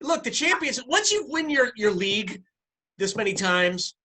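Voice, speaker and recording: Male podcast host, high and sharp-toned voice, animated; a debater who fires back quick challenges. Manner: argumentative, pushing back with quick questions. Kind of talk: casual soccer podcast chat.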